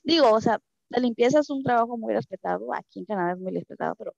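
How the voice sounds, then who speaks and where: Her voice creaky and darkish, a woman from Mexico talks at a quick pace and with animation as she relates a personal story in an interview. She speaks with a Mexican Spanish accent, is clearly emotional, and repeats phrases for emphasis. The low-fidelity recording is dull and dry, free of echo.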